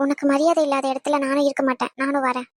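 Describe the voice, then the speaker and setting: A woman's voice: sits high, flat delivery, quick pace, dry recording, clean studio sound, close to an everyday voice. A woman voicing an upset young wife in a cartoon who pleads with her husband. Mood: pleading. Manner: pleading, agitated. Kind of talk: cartoon voice acting.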